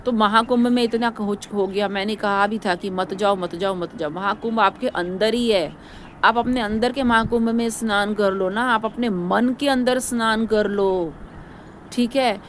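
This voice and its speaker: A woman's voice: medium pitch, fairly even intonation, measured pace. Rambling woman vlogger with a faint background hum. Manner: rambling, repetitive, preachy. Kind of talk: casual opinion vlog.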